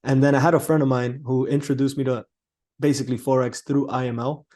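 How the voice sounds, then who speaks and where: A man in his twenties from Cuba, whose first language is Spanish, chatting as a podcast guest in a relaxed, easygoing way. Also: medium pitch, fast talker. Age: 20s. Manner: relaxed, chatty, laughs easily, many "like"s. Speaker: guest, trader. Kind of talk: casual podcast interview.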